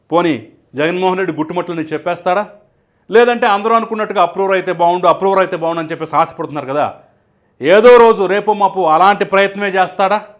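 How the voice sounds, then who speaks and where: A man's voice: high voice, a bit bright. A man delivering solo political commentary, emphatic and full of rhetorical questions.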